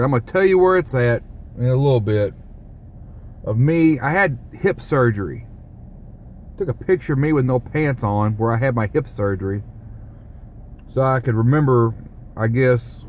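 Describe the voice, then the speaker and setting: A man's voice: mid-range voice, moderate pace, a little mellow, a little hiss or hum. A man who rambles, jokes and swears through a casual vlog monologue. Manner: rambling, joking, profane. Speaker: vlogger.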